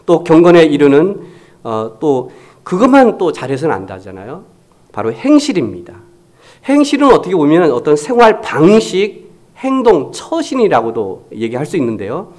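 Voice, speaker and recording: A man's voice: a little high, wildly swooping pitch, moderate pace, a little mellow. A man preaching a Sunday sermon as pastor, talking conversationally, acting out quoted remarks and dropping to near-whispers for emphasis. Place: church sanctuary.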